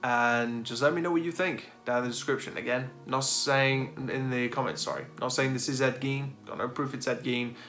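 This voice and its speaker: A man's voice: medium pitch, normal speed, hardly any pauses, a bit bright. A man in his thirties talking casually and hesitantly to camera as a paranormal video host. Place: dark room indoors. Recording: music behind the voice. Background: guitar music.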